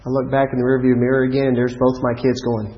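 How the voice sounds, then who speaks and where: Preacher telling a story. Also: male voice, medium pitch, fast, lo-fi sound. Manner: animated storyteller, drops to quiet emphatic lines. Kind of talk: storytelling sermon.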